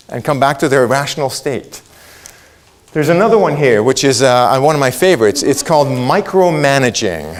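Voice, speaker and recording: A middle-aged Israeli man whose first language is Hebrew delivers a motivational keynote in a mid-range voice. He poses questions to the audience and acts out quotes.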